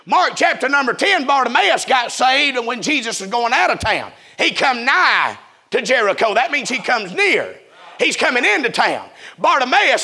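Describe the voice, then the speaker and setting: A man preaching a revival sermon in a chanting, shouting cadence. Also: extremely high pitch.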